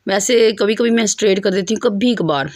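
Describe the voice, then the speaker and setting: A hoarse young woman, a mother, chatting affectionately to the camera in a casual home vlog. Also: medium pitch, brisk, no echo. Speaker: mother vlogger. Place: family home indoors.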